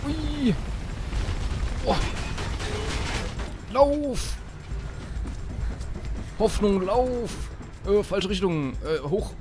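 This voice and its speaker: A man commentating his own gameplay, yelping, swearing and shouting orders at the game character. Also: high-pitched, big pitch swings, extremely slow, pauses often, music in the background. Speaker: let's play host.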